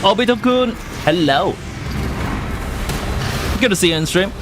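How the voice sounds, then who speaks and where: A man's voice: high-pitched, lively intonation, measured pace, background noise. A man streaming a game and chatting playfully with his viewers, his voice run through an AI voice changer. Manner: chatty, playful, talks to chat. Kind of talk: casual live-stream chat over gameplay. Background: game music.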